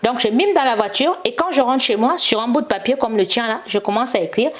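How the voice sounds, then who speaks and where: Animated woman telling a story. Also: fairly high pitch, quick pace. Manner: acts out quotes and sings snippets, repeats "et tout". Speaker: interview guest.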